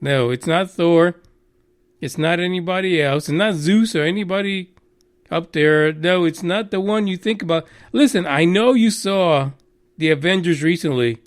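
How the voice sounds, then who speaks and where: A Texan man with a high voice hosts a radio news show at a moderate pace. His commentary rambles and mocks, packed with swearing and filler words.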